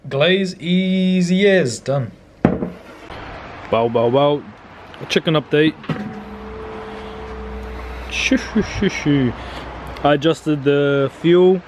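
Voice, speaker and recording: A young man chats in an easygoing, slangy way, cursing casually as he cooks. He holds the camera close, and there is a steady hiss of outdoor noise behind him. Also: a little high. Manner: laid-back, slangy, swears casually. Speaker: cooking vlogger. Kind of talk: casual cooking vlog. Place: outdoor backyard by a grill and indoor kitchen.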